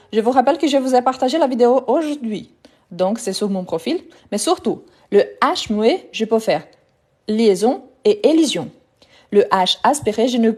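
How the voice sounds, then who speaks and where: A woman's voice: fairly high pitch, mellow. A woman teaching a live online French lesson, patiently repeating each word to drill pronunciation and speaking directly to her viewers.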